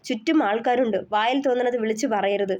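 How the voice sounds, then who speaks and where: A woman's voice: fairly high pitch, fast talker, darkish tone, natural voice. A woman voicing a worried young man who holds back his anger and demands the truth, on a slightly dull recording. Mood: insistent. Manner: insistent, restrained anger.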